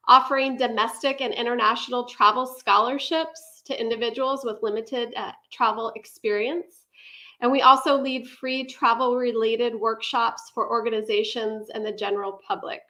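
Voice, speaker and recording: A woman guest giving a prepared presentation, measured with frequent ums. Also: on the high side, pushed and bright. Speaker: guest speaker.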